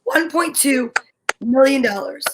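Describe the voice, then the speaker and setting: Against a noisy background, an American talk show co-host in middle age speaks expressively and without hurry, her voice pitched high. She's in casual conversation, stating her views bluntly and with emphasis.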